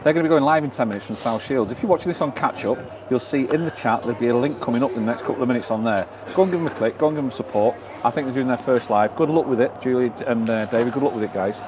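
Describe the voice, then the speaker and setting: Against a noisy backdrop, a male live-stream host talks rapid-fire in a medium-pitched voice with barely a pause. He chats casually and reads out viewer comments, first outdoors in a seaside town, then in a lounge bar.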